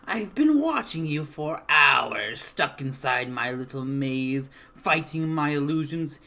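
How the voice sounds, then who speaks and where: A man's voice: a little high, lively intonation, slow pace, vocal fry, bright, forceful tone, voice pushed up, exaggerated voice. A man voicing a mocking old hag villain in a tabletop game, taunting theatrically with a cackling delivery. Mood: mocking, gloating.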